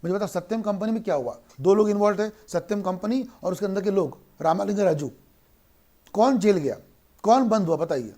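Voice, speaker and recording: A man's voice: sits high, dark tone. Man teaching law, asking and answering. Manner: asks questions and answers them himself, mixing Hindi and English; slows right down to read English lines aloud. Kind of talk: online lecture.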